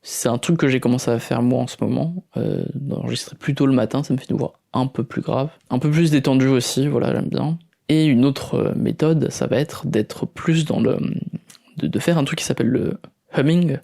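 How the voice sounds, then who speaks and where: A man's voice: mid-range voice, moderate pace, vocal fry, warm tone. A man with a French accent hosting a podcast, explaining voice tips casually, with fillers and restarts. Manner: explanatory, demonstrates vocal techniques, frequent fillers and restarts. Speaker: podcast host. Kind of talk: casual voice coaching talk.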